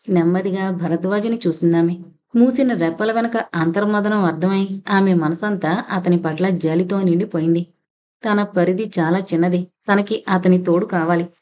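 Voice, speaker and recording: A woman narrating an audio novel in a steady, measured storytelling manner. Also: medium pitch. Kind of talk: scripted narration.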